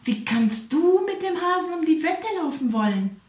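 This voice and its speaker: A woman playing a shrill, squeaky hedgehog wife. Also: very animated, moderate pace, darkish tone, far from the mic. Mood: alarmed. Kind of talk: storybook reading. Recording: echoey room.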